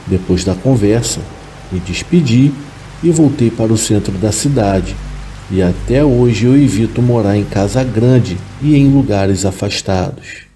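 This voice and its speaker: A man reading a horror story aloud in a calm, measured scripted narration. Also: on the low side, a little hiss or hum, rough recording.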